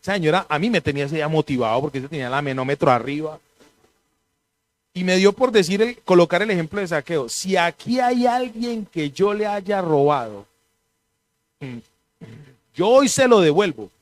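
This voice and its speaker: Lively preacher man. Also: on the high side, brisk. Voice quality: clears throat now and then. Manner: animated storytelling, mimics voices in anecdotes. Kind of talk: sermon.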